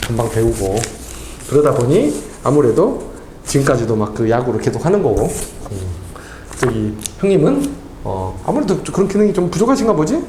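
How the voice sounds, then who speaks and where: Lively man quizzing a student. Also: mid-range voice, fairly quick, a little hiss or hum. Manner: quizzing with constant tag questions. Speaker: math tutor. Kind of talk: tutoring lesson with casual chat. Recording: echoey room.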